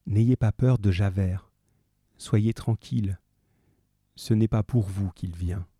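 A man voicing a humble middle-aged man under arrest who speaks softly and calmly. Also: a little slow, husky, no echo, clean studio sound. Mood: calm pleading. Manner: soft, calm and low.

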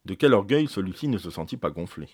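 Male teacher, reading a novel aloud, deliberate pace, low voice, dry close sound. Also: sing-song, darkish tone, breathy edge, dry recording.

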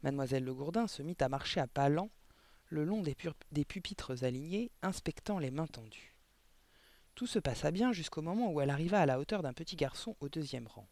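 A man narrating a children's novel aloud with clear, expressive reading. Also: fairly high pitch, brisk, no echo. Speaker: audiobook reader. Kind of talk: storybook narration.

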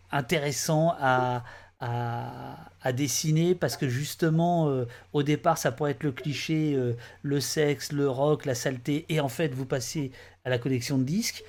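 Man, interview host, halting speech, lots of fillers, mid-pitched voice. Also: gravelly, a little mellow. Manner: hesitant, many restarts and fillers. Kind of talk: casual interview chat.

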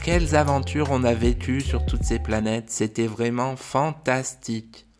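A man voicing an excited young girl who pilots a spaceship in a children's story. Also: mid-range voice, a little slow, soft background music, pitched above the performer's own voice, lightly acted. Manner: breathless, wide-eyed exclamations.

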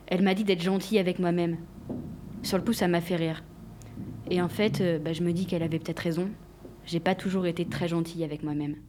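A woman's voice: lowish voice, a little mellow, a little hiss or hum. Young woman leaving a rambling voicemail. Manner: hesitant and self-mocking, full of fillers. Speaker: radio columnist. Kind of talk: comic scripted monologue.

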